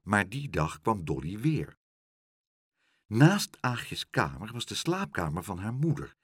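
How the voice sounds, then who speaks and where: A man reading a children's story aloud with lively, expressive storytelling. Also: lowish voice, slow, breathy edge, no echo, studio quality. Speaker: narrator.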